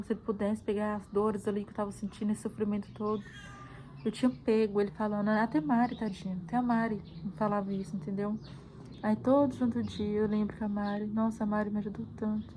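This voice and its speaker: A woman from Brazil with a somewhat high voice speaks straight to her viewers. She repeats words and phrases as she tells a personal story. Faint noise hangs behind her. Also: a little mellow, rough recording. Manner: repetitive, emotional, addresses viewers as "gente". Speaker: mother sharing her story. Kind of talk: emotional personal testimony.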